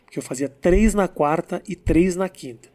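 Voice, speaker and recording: A man with a notably high-pitched voice chats casually with a fellow comedian. He speaks slowly and deliberately, letting pauses do the work. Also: mellow. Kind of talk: casual interview chat.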